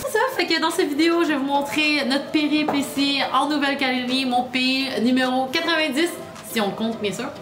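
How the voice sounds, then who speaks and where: A woman's voice: high voice, fairly quick. A woman in her twenties from Quebec with a Québécois accent, chatting casually to camera as a travel vlogger. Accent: Québécois French. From Quebec, Canada. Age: 20s. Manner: chatty and relaxed, loose colloquial speech. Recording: echoey room with music behind.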